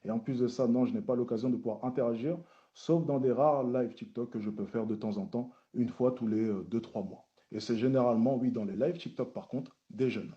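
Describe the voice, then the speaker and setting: A man with a very dark, mellow voice gives formal, measured answers to questions. He repeats key phrases as he speaks. The recording sounds dull and lo-fi. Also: medium pitch, steady tone. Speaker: social media content creator testifying at a hearing.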